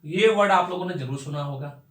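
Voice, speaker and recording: A man's voice: a little high, a little fast, fairly bright tone, roomy sound. A man teaching English vocabulary and pronunciation, stretching out each new word and spelling words out letter by letter.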